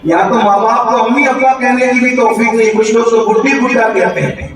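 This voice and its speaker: A male preacher delivers a fervent sermon with a very high, piercing voice, often rising to shouts. He is heard from a distance in a booming, echoing hall. A crowd murmurs clearly behind him. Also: steady tone, brisk, slight background noise. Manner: fervent declamation with frequent shouting. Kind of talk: impassioned sermon. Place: religious gathering for a graduation ceremony. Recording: echoey hall sound from far off with crowd.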